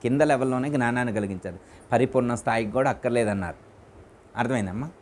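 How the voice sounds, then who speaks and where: A man's voice: medium pitch, quick pace, a little mellow, a little hiss or hum. A man as spiritual teacher giving a discourse in a private home, repeating his phrases and putting questions to his listeners.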